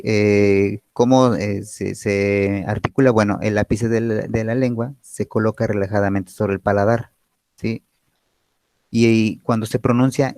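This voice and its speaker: A man with a Mexican Spanish accent, a Nahuatl-speaking teacher, patiently explains sounds at an online panel, pausing often with fillers and checking "¿sí?" with his listeners. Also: fairly low pitch, a little mellow, dry recording.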